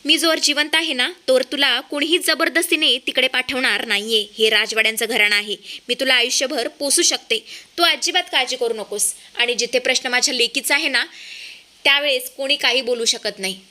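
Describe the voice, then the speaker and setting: A woman's voice: high-pitched, fairly quick, sharp tone. A woman voicing a scheming middle-aged mother who needles and taunts behind a sweet act. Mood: falsely sweet.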